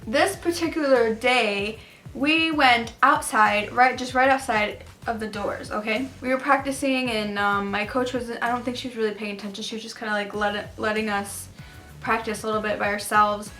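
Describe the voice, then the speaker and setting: A woman's voice: a little high, fairly even intonation, moderate pace, sharp tone, faint music behind. A young adult woman casually telling personal stories to camera in a chatty, gossipy, emphatic way. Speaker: storytime vlogger. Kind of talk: casual confessional storytelling to camera.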